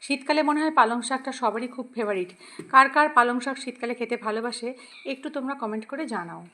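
A woman's voice: a little high, fast, pushed and bright. A woman hosting a home food vlog, chatting casually to her viewers as friends. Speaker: cooking and food vlog host. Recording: echoey room, faint noise.

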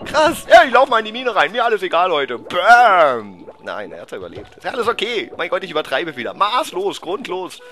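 Male let's-play gamer, excitable and loud, swinging pitch, game music in the background. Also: a little fast, hardly any pauses. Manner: excitable, shouts and groans at the game. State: voice cracking. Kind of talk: casual gameplay commentary.

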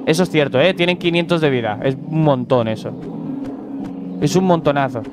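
Playing a game, a young man with a Spain Spanish accent jokes around in slangy casual commentary, addressing both his viewers and animals as a gaming YouTuber. His voice sits on the high side at normal speed, with background noise present.

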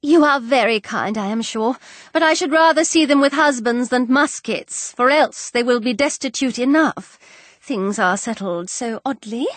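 A woman's voice: a little high, normal speed, no room sound, pitched above the performer's own voice, natural voice. A woman voicing a fretful middle-aged mother who worries about her daughters, in a plaintive, fussy way.

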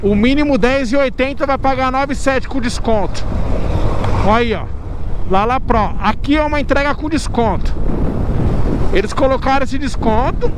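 A man with a Brazilian Portuguese accent vlogging casually while riding a motorcycle on a highway, explaining things step by step in a chatty way. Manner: chatty, explains step by step, says "mano" and "ó" often. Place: on a motorcycle on a busy highway outdoors. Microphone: helmet-mounted action camera. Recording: loud wind noise from riding.

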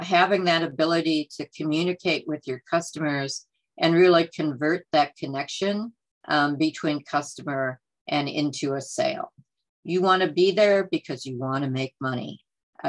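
A woman's voice: low-pitched, rough recording. A woman presenting a farmers market workshop over a video call, talking in a conversational, earnest way with many "uh"s and "um"s. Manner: frequent fillers, conversational and earnest. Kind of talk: presenting slides in a webinar. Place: home or office on a video call. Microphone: computer mic on a video call.

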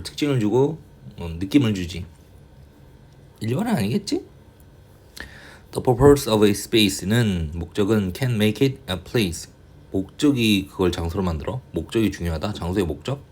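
Grumbling low-voiced male English tutor. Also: expressive, darkish tone. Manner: thinks aloud, grumbles and mutters to himself; reads English slowly, explains in quick Korean. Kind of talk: casual reading-passage lecture.

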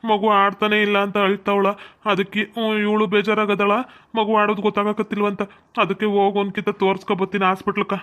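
A man's voice: high voice, monotone, a little fast, a bit bright, clean tone. Man playing an anxious young village husband. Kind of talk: comedy skit acting.

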